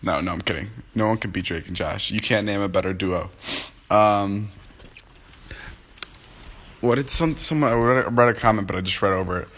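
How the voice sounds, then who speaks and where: He has a lowish, somewhat bright voice, moves at a moderate pace and pauses often. Just out of bed and groggy, this man in his twenties is casually talking to his livestream audience from home on his phone, rambling and joking while he answers comments.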